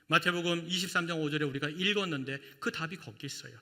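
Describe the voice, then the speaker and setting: A male pastor delivers a lively sermon in a high, sharply bright voice. His words ring out with a long hall reverb around them. He keeps turning to the congregation with rhetorical questions. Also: fast. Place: church sanctuary.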